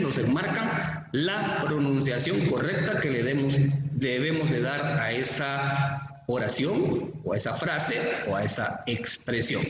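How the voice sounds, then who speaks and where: Echoey Guatemalan Spanish teacher, lively voice. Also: male voice, sits high. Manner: explanatory, repeats and lists examples, uses fillers like pues. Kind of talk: spoken classroom lesson. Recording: echoey room, far from mic, faint noise.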